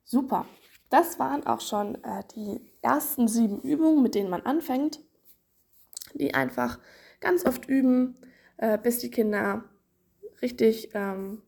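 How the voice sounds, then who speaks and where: A woman's voice: medium pitch, creaky, a little mellow, husky. A woman hosting a podcast, casually explaining children's swimming exercises with playful images and frequent fillers. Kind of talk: casual instructional podcast talk.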